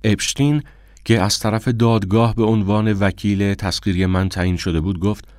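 Male audiobook narrator, very low voice, measured and somber, dry booth sound. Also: fairly even intonation, a little mellow, no echo. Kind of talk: scripted first-person narration.

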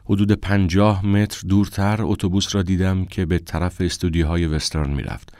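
A man narrating an audiobook in the first person, with a measured, somber reading. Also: sits low, flat delivery, warm tone, no echo, studio quality.

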